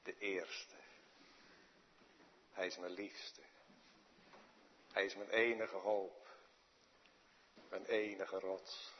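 A man preaching a sermon in a church, slow and dramatic, with sudden hushed drops. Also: fairly low pitch, lo-fi sound, a little hiss or hum. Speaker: pastor.

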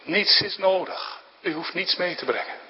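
A man's voice: sits high, steady tone, normal speed, a little hiss or hum. A male pastor preaching a solemn, pleading sermon that swells into fervent emphasis, recorded in a church. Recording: dull sound in a reverberant church.

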